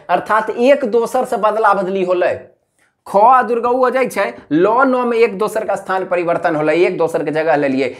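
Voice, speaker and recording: Higher-pitched male teacher. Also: a bit bright. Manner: explains step by step, asks and answers his own questions; repeats example words slowly, syllable by syllable. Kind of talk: exam-prep language lesson.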